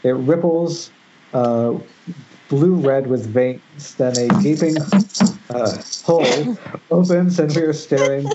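Speaking slowly in a medium-pitched voice, a man reads out screen directions at a casual online table read, with a few stumbles in the dramatic reading. The internet call comes through dull and noisy.

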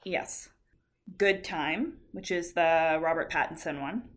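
A woman of about twenty-nine speaks in a lowish, raspy voice full of vocal fry. She chats casually as a podcast co-host, blunt and free with swearing. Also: slow pace. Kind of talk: casual chat.

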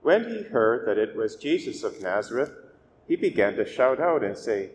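A male priest reading the gospel and preaching a weekday homily at a steady, measured pace, his voice ringing with a long cathedral echo. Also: medium pitch. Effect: long cathedral-style echo. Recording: echoey church hall with faint hiss.

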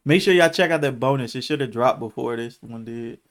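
A man's voice: medium pitch, a little fast. Slangy American man talking through a teeth grill. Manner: slangy, profane, playful. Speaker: podcast host. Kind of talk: casual banter.

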